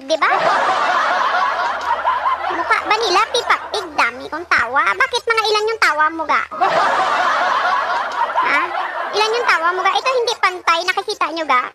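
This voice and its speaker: A middle-aged woman talks through her cake decorating in a very high voice. She jokes freely, laughs often and mixes in English. Loud noise runs under the whole recording. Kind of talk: casual chat while decorating a cake.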